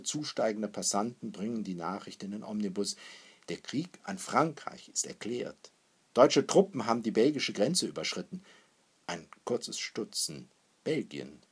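A man narrating a novel in a measured storytelling voice. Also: fairly low pitch, husky. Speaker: audiobook narrator. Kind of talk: scripted narration.

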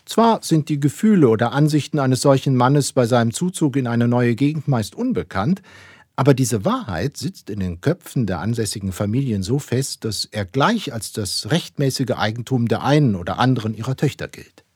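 A man reading a classic novel aloud as a narrator, measured and expressive. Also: mid-range voice, husky, dry recording, clean studio sound. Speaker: audiobook narrator. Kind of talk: scripted narration.

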